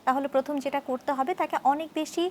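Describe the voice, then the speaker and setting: High woman's voice, therapist guest, measured and explanatory. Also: steady tone, slight background noise. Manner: measured, explanatory, repeats key terms. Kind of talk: explanatory studio discussion.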